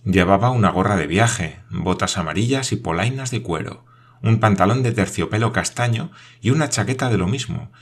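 A man reading a novel aloud as narrator in a measured, even way. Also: fairly low pitch, slightly rough. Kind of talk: scripted audiobook narration.

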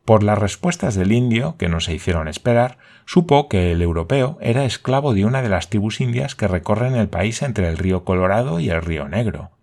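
A man reading a novel aloud as a narrator, in a steady, measured way. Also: fairly low pitch. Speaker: audiobook narrator. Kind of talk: scripted narration.

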